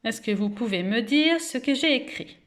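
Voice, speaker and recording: A woman's voice: fairly high pitch, expressive. A woman kindergarten teacher giving a recorded reading lesson for parents and children, patient and encouraging, stretching and exaggerating each sound as she says it. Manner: slow, exaggerated articulation of sounds.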